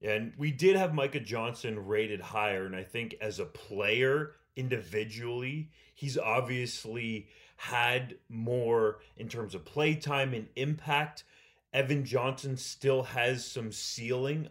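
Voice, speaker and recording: A man co-hosting a sports talk show, giving casual, measured analysis. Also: mid-range voice.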